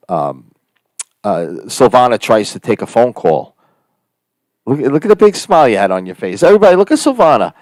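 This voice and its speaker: A man with a New Jersey Italian-American accent, an actor co-hosting a casual live stream, rambles with many fillers and restarts. His voice is lowish with a darkish tone, recorded dry.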